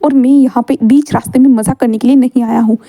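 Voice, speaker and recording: A woman's voice: a little high, fairly even intonation, quick pace, mellow, dry recording. A woman voicing an earnest male teacher in a fan story read aloud. He insists and repeats his declarations. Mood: insistent.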